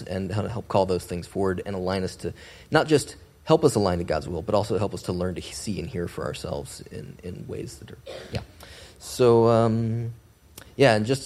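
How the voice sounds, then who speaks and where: A man's voice: on the low side, a little mellow. A man teaching a church class informally, earnest, restarting phrases and posing questions to his listeners.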